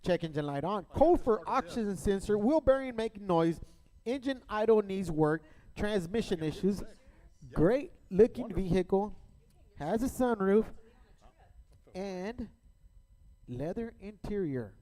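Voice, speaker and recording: Male auction announcer, soft mellow tone on a high pitch, clipped listings, reverberant hall. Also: expressive, unhurried, pauses often. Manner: short, clipped item-by-item statements. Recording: echoey hall with long reverb.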